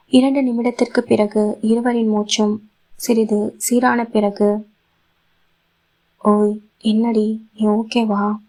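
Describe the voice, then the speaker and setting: A woman reads a romantic audio novel aloud in a soft, steady voice. Her pitch sits a little high and barely moves, keeping the narration even and calm. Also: poor audio. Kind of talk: scripted romantic story narration.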